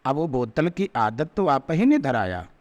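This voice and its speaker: A man giving a devotional sermon, telling a story and slowing down to recite verses, with emphatic rising peaks. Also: mid-range voice, sing-song. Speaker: spiritual preacher. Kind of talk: Hindi devotional discourse with storytelling.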